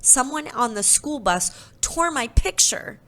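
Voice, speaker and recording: A hurt little girl ladybug from a children's storybook, put on by a woman reading aloud. Her voice rises higher than the reader's own and sounds soft and sad. She speaks gently, like a small child. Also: expressive, a little slow, exaggerated voice. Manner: soft, tearful.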